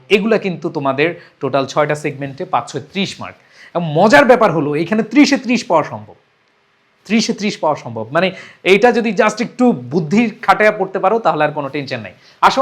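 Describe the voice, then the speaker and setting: Man, teacher, high voice, emphatic, repeats himself, exam-prep lesson. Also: a bit bright. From Bangladesh. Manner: emphatic, repeats key points, mixes in English words.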